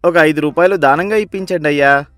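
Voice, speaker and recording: A man's voice: on the high side, a little fast, fairly bright tone, no room sound, faint music behind, close to an everyday voice. A man voicing a humble begging pauper. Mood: pleading. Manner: pleading, repeatedly begging for alms. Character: poor hungry male beggar, pleading and humble. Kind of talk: storybook voice acting.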